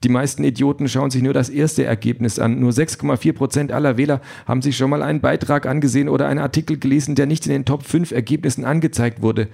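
A man's voice: medium pitch, fairly even intonation, quick pace, creaky, few pauses, dark tone, husky, pitched above the performer's own voice. A man voicing an exhausted, frustrated female campaign manager who swears bluntly, in a raised voice from an audiobook reading.

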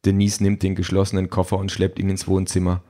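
A man narrating a story in an even, measured reading voice. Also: low voice.

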